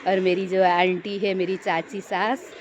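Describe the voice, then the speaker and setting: A woman's voice: fairly low pitch, level tone, unhurried. A young woman telling a story in a casual vlog, rambling and repeating herself, growing tense as she recalls a scare. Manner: rambling, repeats and restarts phrases. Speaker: vlogger. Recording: dull lo-fi recording with loud background noise and crows.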